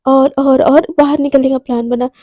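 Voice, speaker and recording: A woman's voice: high-pitched, flat delivery, normal speed, warm tone, dry recording, lo-fi sound, pitched below the performer's own voice, close to an everyday voice. A woman voicing a flustered, lovestruck young college woman who stammers when someone gets close. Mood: dreamy.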